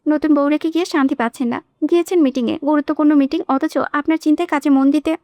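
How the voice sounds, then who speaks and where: A cheeky young village maid teases the new bride without any shame, voiced by a woman reading the story. Her voice is high and light. The audiobook recording is close and dry. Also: fairly even intonation, fast talker, darkish tone, no room sound, close to an everyday voice. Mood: teasing. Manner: teasing, giggling.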